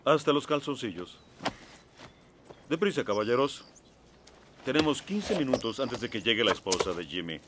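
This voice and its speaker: A man acts out a middle-aged underworld fixer from a dubbed film. He gives orders briskly with dry sarcasm and very lively intonation. There is slight noise behind him. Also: medium pitch, natural voice. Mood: brisk, commanding. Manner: authoritative, clipped, dryly sardonic. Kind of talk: dubbed film dialogue in Spanish. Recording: film soundtrack with faint background noise.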